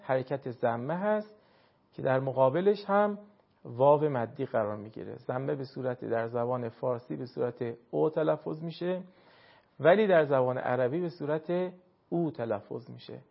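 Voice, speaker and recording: A man with a fairly high voice gives a Quran reading lesson, explaining each step in a measured, deliberate way. He slows down and draws out key words when he stresses a point. The recording sounds muffled and low-fidelity. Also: creaky. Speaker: Quran recitation teacher.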